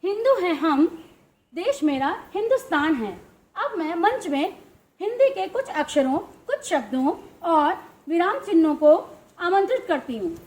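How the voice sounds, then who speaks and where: Slow, lively woman teacher narrating a play. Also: extremely high pitch. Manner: slow, emphatic and instructive, addressing children. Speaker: primary school teacher, narrator.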